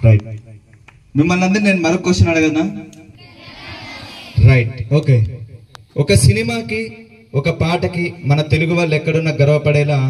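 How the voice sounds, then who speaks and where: A man hosting a school event, loudly quizzing the children and singing along. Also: on the high side, moderate pace, long pauses, slight background noise. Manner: loud energetic, quizzes the crowd. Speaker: event host and singer. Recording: far from mic, music and crowd behind.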